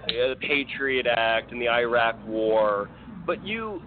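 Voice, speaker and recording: A man's voice: medium pitch, animated, takes it slowly. A man in casual political chat, rambling with restarts and fillers. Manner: rambling, many restarts and fillers, laughs often. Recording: tinny phone-like line with faint noise.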